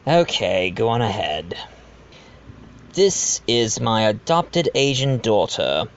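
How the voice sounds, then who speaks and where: A man's voice: mid-range voice, dull audio. A man playing a genteel, blackmailing manor owner who confides in the listener in an amateur audio drama. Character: blackmailing manor owner, self-aware, genteel adoptive father.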